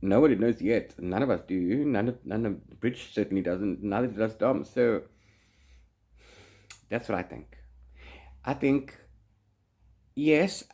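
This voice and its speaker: A man with a fairly low, warm voice talks slowly and animatedly, leaving long pauses. He's a book vlogger chatting casually in a playful, theatrical way, rambling on and trailing off into "blah blah" and "la-la" fillers in a relaxed reading vlog.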